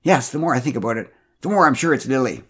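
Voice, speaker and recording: A man's voice: animated, fast, slightly rough. A man voicing a bossy, condescending older woman neighbor in a storybook podcast. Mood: haughty. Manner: high-pitched, loud, haughty and insistent.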